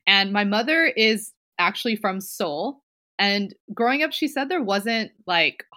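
A woman's voice: mid-range voice, bright, forceful tone. A woman podcast host telling a story in casual chat, chatty and giggly, full of fillers.

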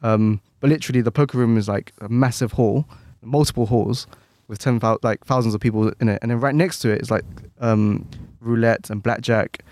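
A man talks fast and loosely on a casual podcast, stumbling over restarts and fillers as he goes. His voice sits in a middle pitch, recorded close and dry. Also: steady tone, a little mellow, no room sound. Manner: quick, rambling, frequent restarts and fillers. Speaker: podcast co-host. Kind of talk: casual chat.

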